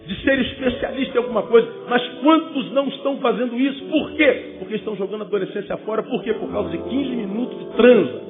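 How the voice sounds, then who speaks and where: A man's voice: very high voice, fast, hardly any pauses. A man preaching a sermon to young people as a pastor, emphatic, with rhetorical questions and joking asides. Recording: phone-like, with loud music.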